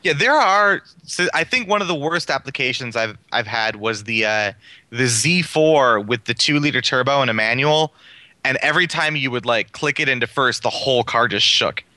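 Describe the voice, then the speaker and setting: Enthusiastic bright-voiced man chatting about cars. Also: medium pitch, expressive, normal speed, no room sound. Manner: enthusiastic, rambling with fillers. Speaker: car reviewer on a podcast. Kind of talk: casual chat.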